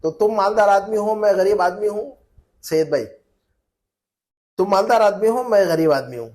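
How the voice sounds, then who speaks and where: A man's voice: high voice, moderate pace, darkish tone. A male Arabic teacher running a spoken drill, patiently repeating phrases and prompting students by name. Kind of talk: classroom language drill.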